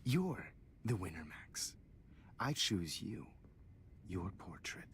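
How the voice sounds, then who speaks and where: An actor playing a middle-aged photography teacher turned killer in a video game, giving a slow, condescending villain monologue with breathy, hushed phrase endings. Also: male voice, deep voice, sing-song, slight background noise, full character voice. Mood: gloating. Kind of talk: dramatic video game voice acting.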